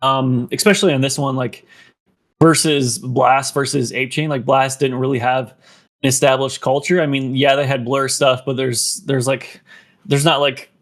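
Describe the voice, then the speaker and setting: A man's voice: medium pitch, little pitch movement, moderate pace, a bit bright. A man talking in a casual podcast, rambling and filling his speech with "like" and "um", somewhat out of breath. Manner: rambling, heavy use of "like" and "um". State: running out of breath.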